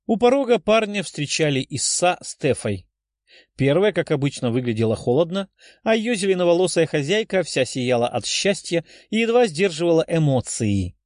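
A man narrating an audiobook in an expressive storytelling read. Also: a little high, moderate pace, dry recording, clean studio sound. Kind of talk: scripted narration.

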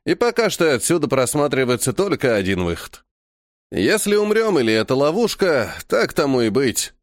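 A weary old alien chief speaks plainly and without illusions, as a man reading the audiobook puts him on. He is calm even when facing death. His pitch rises and falls widely, and the sound is close and dry. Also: moderate pace, no room sound, natural voice. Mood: grim resolve. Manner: blunt, fatalistic, calm.

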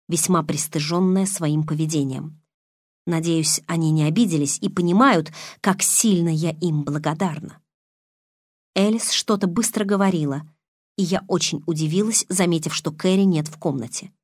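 A woman narrates a first-person novel as an audiobook reader, tense and expressive. Her voice sits on the low side. The recording is dry and close, with no room sound. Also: normal speed, dry recording. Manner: reads every character's lines herself, tense and expressive.

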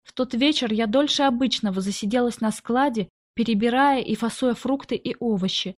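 A woman narrating a first-person story in an audiobook, reading in a tense, even storytelling voice and acting out the dialogue. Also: a little high, fairly quick.

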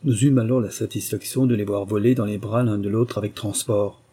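Husky-voiced male audiobook narrator. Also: on the low side, a little fast. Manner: steady, literary reading. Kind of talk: first-person audiobook narration.

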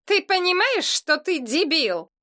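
A woman's voice: very high voice, sing-song, a little slow, pushed and bright, pitched above the performer's own voice, full character voice. A woman doing a scolding demon uncle. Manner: scolding, sarcastic. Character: gruff middle-aged male demon clan head, exasperated uncle. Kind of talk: audiobook character reading.

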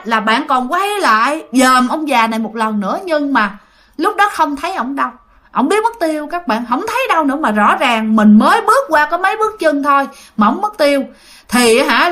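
A woman's voice: high-pitched, a bit bright. A woman narrating a ghost story in a chatty way, often turning to her listeners. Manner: chatty, addresses listeners directly.

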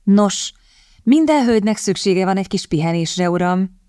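A woman reading the part of a bold, sharp-witted young English lady who answers politely but cuttingly. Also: medium pitch, lively intonation, dry recording, clean studio sound, natural voice. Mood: cool cutting.

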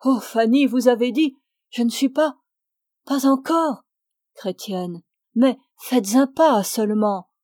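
A fervent, devout young man declares a sacred, lifelong love, voiced by a woman narrating. The delivery is slow and unhurried, the tone dark and warm. Each word is weighed with solemn conviction. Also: a little high, no echo, studio quality.

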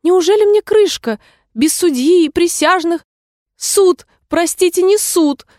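A woman voicing a small, timid mouse in a storybook poem, pleading in a high squeaky voice. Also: a little slow, a little mellow, no echo, clean studio sound. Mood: frightened.

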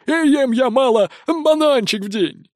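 A cocky hundred-year-old pirate parrot, screeching up very high and swooping wildly in pitch. He brags and squawks his way through every line, on a dry, close recording. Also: expressive, measured pace, dry recording. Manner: brash, boastful, squawking. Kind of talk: audiobook character voice.

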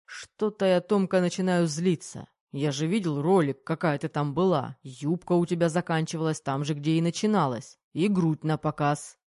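A teasing, affectionate army major, voiced by a woman reading an audiobook. The voice sits low and mellow. The recording is dry and close. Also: moderate pace, few pauses, dry recording, natural voice. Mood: grumbling. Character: gruff teasing army major, adult man.

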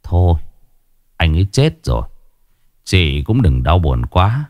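A man voicing a middle-aged village ritual master, stern yet kind, speaking in a low, gruff tone. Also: very animated, takes it slowly, darkish tone, no echo, exaggerated voice. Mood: gentle firm.

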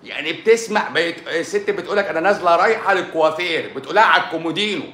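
A man's voice: fairly high pitch, rapid-fire, sharp tone, roomy sound. A man with an Egyptian Arabic accent, a doctor answering viewers on a live stream in a sarcastic, scolding, rhetorical way.

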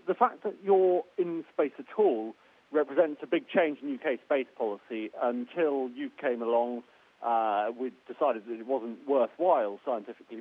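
A man, a journalist, posing a press question over a radio link. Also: a little high. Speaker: newspaper journalist. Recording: narrow, tinny radio link.

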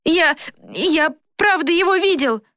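A woman's voice: extremely high pitch, lively intonation, bright, forceful tone, no room sound, clean studio sound, pitched above the performer's own voice, exaggerated voice. A woman voicing a breathless frightened boy. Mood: pleading. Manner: breathless, stammering, rushed.

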